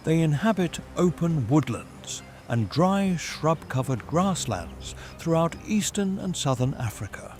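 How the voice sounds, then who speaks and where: Male nature documentary narrator, fairly high voice, lively intonation, measured formal storytelling, music underneath. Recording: music behind the voice. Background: background music.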